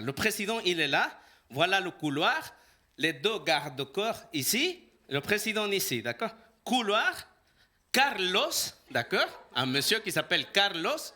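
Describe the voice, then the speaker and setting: A man preaches in French, his voice high and very bright. He tells a personal story and acts out every bit of dialogue. His pitch leaps up and down as he laughs his way through it. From El Salvador.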